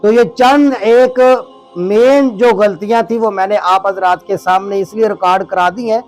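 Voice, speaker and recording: A man from Pakistan teaching prayer recitation with a Pakistani Urdu accent, slowing down to pronounce words syllable by syllable. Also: sits high, fairly even intonation, faint music behind. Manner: slows down to spell out words syllable by syllable. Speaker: religious teacher. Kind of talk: recorded lesson on prayer recitation.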